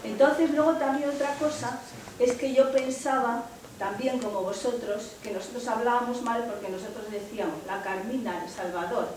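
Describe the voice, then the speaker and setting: A woman Alcañiz, telling anecdotes in a lively, hesitant way during a seminar discussion. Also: on the high side, moderate pace, far from the mic, crowd noise. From Alcañiz, Aragón. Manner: anecdotal, animated, with frequent hesitations. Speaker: audience member. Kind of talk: spontaneous contribution in a seminar discussion. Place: seminar room. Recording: echoey hall, voice picked up from afar.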